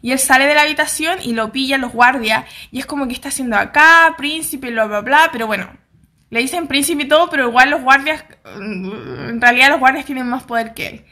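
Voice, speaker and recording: Speaking briskly in a high, bright, forceful voice, a young woman from Chile retells a drama's storyline in a casual, talkative way with a Chilean accent. She voices the characters' dialogue herself and slips in slang along the way.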